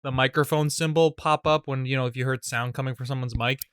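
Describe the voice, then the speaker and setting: A man's voice: mid-range voice, steady tone, fast, fairly bright tone, clean tone, no echo, studio quality. A young man co-hosting a comedy podcast, telling stories in casual chat with lots of fillers and restarts. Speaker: podcast co-host.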